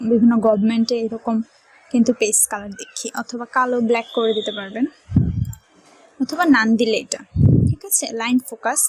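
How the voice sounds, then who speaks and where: A woman's voice: fairly high pitch, fairly even intonation, fairly quick, slightly rough, no room sound, poor audio. A woman with a Bangladeshi Bengali accent teaching a computer tutorial, explaining each step and often checking that the viewer is following. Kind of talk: screen-recorded software tutorial.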